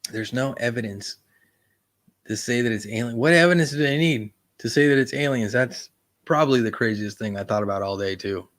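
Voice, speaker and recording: A man's voice: mid-range voice, brisk, fairly bright tone. A man hosting a casual livestream chat, rambling in a laid-back way and often tossing in "man.". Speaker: YouTube livestream host.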